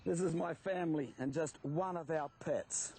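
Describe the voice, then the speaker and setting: A man's voice: on the high side, moderate pace, mellow, a little hiss or hum. A man with an Australian accent presenting wildlife informally to camera, in a colloquial showman's manner. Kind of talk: informal presenting to camera while handling snakes.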